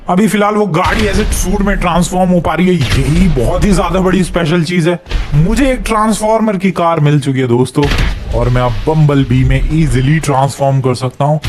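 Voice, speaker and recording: Excitable man giving gameplay commentary. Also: a little high. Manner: excitable, mixes Hindi and English, talks to viewers as friends. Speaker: gaming video creator. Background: game music and gunfire.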